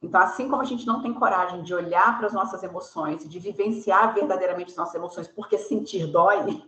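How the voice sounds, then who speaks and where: A woman host and fellow clinician speaking in a measured, reflective way over a video call. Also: lowish voice, fairly bright tone. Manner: measured, reflective, builds on the guest's points. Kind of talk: reflective conversation in an online talk. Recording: echoey room, faint background noise.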